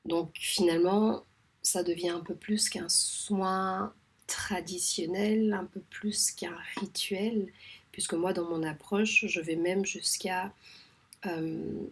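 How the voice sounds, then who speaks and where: Woman, midwife from Réunion, very husky breathy voice, lowish pitch, soft half-whispered delivery. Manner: soft, measured, often half-whispered with many hesitations. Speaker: home midwife. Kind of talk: reflective spoken monologue.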